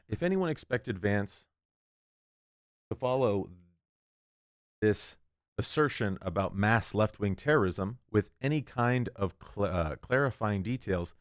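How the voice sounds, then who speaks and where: A man's voice: fairly low pitch, no room sound, clean studio sound. A man reading an article aloud and breaking off into heated, indignant commentary, often stumbling and restarting. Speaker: political commentator.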